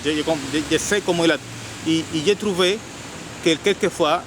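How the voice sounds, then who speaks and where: A man from Cuba, a native Spanish speaker, talking casually in halting French with a Cuban Spanish accent, repeating words for emphasis. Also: on the high side. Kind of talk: casual street discussion. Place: outdoors in a city. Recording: noisy outdoor urban street with traffic.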